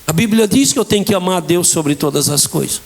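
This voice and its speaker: A middle-aged pastor with a Bahian accent preaches in a church, his voice sitting notably high for a man. He tells his own story with fervour and plays out each exchange in it. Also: expressive, fast talker. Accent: Bahian Portuguese. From Bahia, Brazil. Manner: fervent storytelling, acting out dialogue. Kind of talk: impassioned sermon with testimony.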